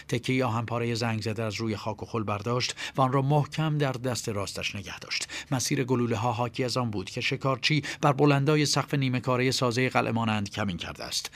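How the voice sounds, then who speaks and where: A man's voice: medium pitch, a bit bright. Man narrating a tense story. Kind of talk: scripted audiobook narration.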